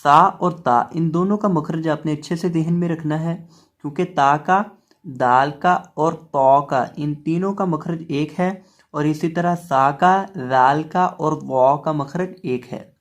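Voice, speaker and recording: A man teaching the pronunciation of letters in a step-by-step lesson, calling out each letter loudly and drawn out, then explaining calmly. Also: on the high side, slow. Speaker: Quran reading teacher.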